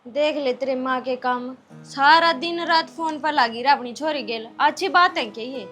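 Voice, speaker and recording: An actress playing an indignant young wife who complains at length, speaking with a Haryanvi accent. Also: female voice, high-pitched, normal speed, fairly bright tone, soft background music.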